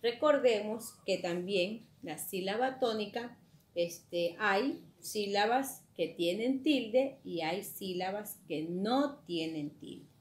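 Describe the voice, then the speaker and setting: A woman teacher giving a slow, patient classroom lesson and checking in with her students through frequent questions. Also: mid-range voice, lively intonation. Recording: echoey room, faint ambience.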